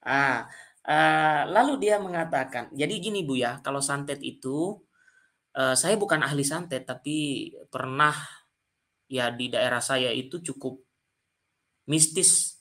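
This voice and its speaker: Man with a bright, forceful voice. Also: mid-range voice, measured pace, long pauses. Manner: addresses listeners directly and often. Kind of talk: storytelling to viewers.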